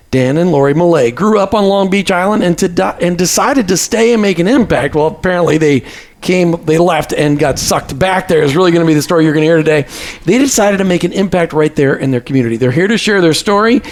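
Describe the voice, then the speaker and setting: A man co-hosting a faith podcast, reading an intro and chatting casually with a teasing, jokey manner. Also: high voice. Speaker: podcast co-host.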